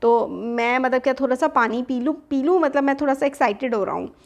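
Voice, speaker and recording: A woman with an Indian accent teaching an English lesson, reading each line slowly and then explaining it in Hindi. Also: high voice, vocal fry.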